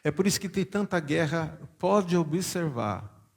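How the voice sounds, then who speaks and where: A man's voice: fairly high pitch, lively intonation, measured pace, creaky, darkish tone. A Brazilian man from São Paulo, a bishop preaching a sermon in church, reading scripture aloud and stopping to explain it and put questions to the congregation. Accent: Brazilian Portuguese, São Paulo.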